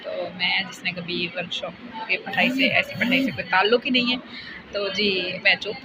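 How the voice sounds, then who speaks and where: A woman's voice: medium pitch, normal speed. A young woman, telling a rambling storytime in a casual vlog. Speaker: vlogger. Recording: muffled phone audio with noise.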